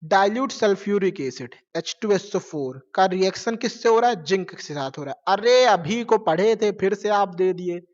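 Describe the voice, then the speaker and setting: A man's voice: high voice, animated, moderate pace, few pauses, darkish tone. Man, science teacher, casual lecture, repeats questions and answers them, lo-fi sound, echoing room. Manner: asks questions and answers them himself, repeats key words; casual, mixes English terms into Hindi. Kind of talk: classroom lecture. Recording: lo-fi with long reverb.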